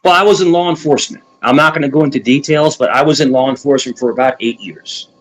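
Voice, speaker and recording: A fast-talking New Yorker with a medium-pitched voice co-hosts a casual talk show, earnest and opinionated, often repeating himself. The audio quality is poor.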